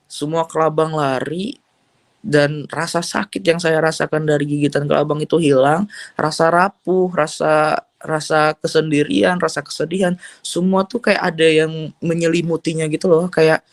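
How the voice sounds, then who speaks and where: Earnest young man, slightly high voice. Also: fairly even intonation, moderate pace, no room sound. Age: young adult. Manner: casual, earnest storytelling with English phrases mixed in. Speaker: interview guest giving testimony. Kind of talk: personal faith testimony.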